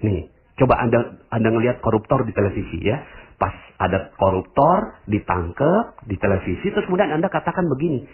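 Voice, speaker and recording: A man giving a motivational religious radio talk, speaking to his listeners directly and acting out the people he quotes in a higher voice. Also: lively intonation, brisk, a little hiss or hum. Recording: tinny phone-like radio broadcast.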